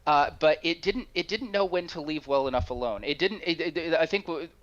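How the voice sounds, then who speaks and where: A man in a casual film discussion who talks haltingly, often searching for his words. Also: fairly high pitch, a bit bright. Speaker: podcast panelist. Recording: dull lo-fi sound.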